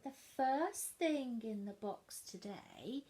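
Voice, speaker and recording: A woman teaching a children's phonics lesson, sounding out letters slowly and coaxing listeners to repeat words. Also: a little high, lively intonation, warm tone, breathy edge.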